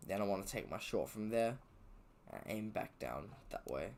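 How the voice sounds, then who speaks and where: A man's voice: on the low side, very animated, moderate pace, vocal fry, a little mellow, slight background noise. A man casually talking through his trading chart on a live session, thinking aloud loosely with fillers and self-corrections, a little sleepy, at home indoors. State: sleepy, yawning. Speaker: trader streaming his session.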